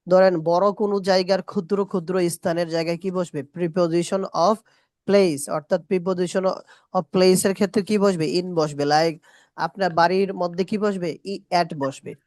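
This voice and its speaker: A woman teaching a spoken English class, repeating short English phrases slowly and quizzing her students. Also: on the low side, a little mellow, no room sound, clean studio sound. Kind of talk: classroom lesson.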